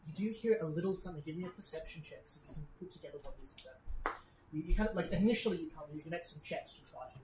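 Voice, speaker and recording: Low-voiced woman game master, echoey room. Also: animated, racing. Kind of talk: improvised tabletop game narration. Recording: roomy echo, clear background noise.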